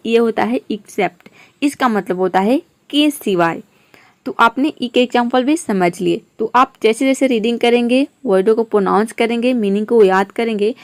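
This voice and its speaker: A woman's voice: on the high side, darkish tone. A woman teaching English pronunciation over slides, patiently repeating each word and giving its meaning.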